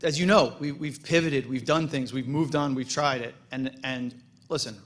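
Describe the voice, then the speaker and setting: A man's voice: mid-range voice, normal speed, a bit bright. Casual joking man at a podium. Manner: casual, self-deprecating humor, frequent restarts. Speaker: congregation president. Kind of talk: welcome speech at a holiday service. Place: synagogue sanctuary.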